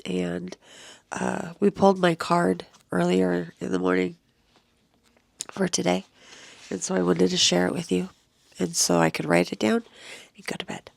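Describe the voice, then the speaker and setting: A woman's voice: fairly low pitch, lively intonation, no room sound. A tired, sleepless middle-aged woman with a crackly voice, talking casually in a personal vlog and reading a card aloud, sometimes sinking into a whisper. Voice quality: crackly, gravelly voice. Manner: tired, slow, at times dropping to a whisper. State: exhausted and sleepless. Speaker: vlogger.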